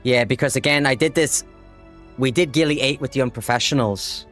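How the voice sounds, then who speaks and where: An Irish man chatting casually while livestreaming a game, excitable and swearing freely as he talks to his chat. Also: medium pitch, brisk, faint music behind. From Ireland. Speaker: livestream gamer. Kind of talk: casual live gameplay chat.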